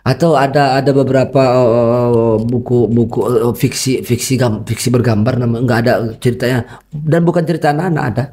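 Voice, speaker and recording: A middle-aged man speaks with a Medan Indonesian accent in a mellow, warm tone. He talks as a podcast guest, moving easily between explanation and storytelling. He often slips into the voices of the people in his stories. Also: medium pitch, fairly quick. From North Sumatra. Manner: lively storyteller who acts out quoted dialogue. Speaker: guest, educator and father. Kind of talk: podcast interview.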